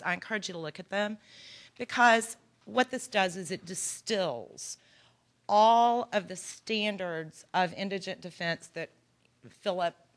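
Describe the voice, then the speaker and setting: Speaking with a Texan accent, this Texas woman delivers an earnest, encouraging conference presentation in a folksy way. Her voice is medium-pitched and fairly bright, heard in a conference room.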